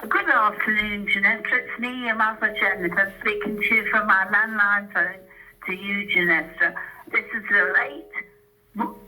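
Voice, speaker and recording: An older woman heard as a voicemail played back over a landline phone. Her voice is very bright and tense, with a tired edge. She talks formally and repeats herself, announcing who she is every time she calls. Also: medium pitch, steady tone, measured pace, rough recording. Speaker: mother leaving voicemails.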